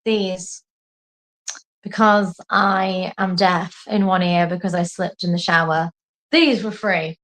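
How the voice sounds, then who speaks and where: A woman's voice: fairly low pitch, slow. Rambling, chatty woman telling stories. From lived in Singapore, English family. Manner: rambling, animated storytelling with self-mockery and swearing. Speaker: co-host. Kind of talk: casual chat.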